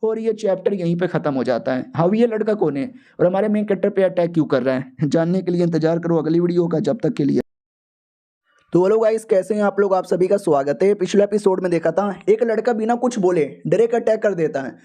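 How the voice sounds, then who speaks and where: A man's voice: high voice, brisk, dark tone. A man narrating a comic-book recap in a casual, slangy, playful way.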